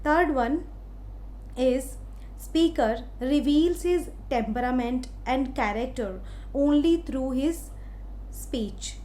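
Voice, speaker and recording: A woman from India with an Indian English accent, giving a literature lecture in a slow, explaining way with many hesitant fillers. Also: sits high, warm tone, slight background noise. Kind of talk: recorded lecture.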